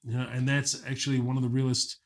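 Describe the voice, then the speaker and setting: A man's voice: medium pitch, monotone, quick pace. A male comedian telling stories in casual chat, loose and profane, full of fillers like man and bro. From American. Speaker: stand-up comedian guest.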